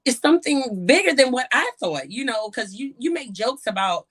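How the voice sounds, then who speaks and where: A woman guest in a casual chat, talking earnestly and thinking out loud. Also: on the high side, sing-song, moderate pace, husky.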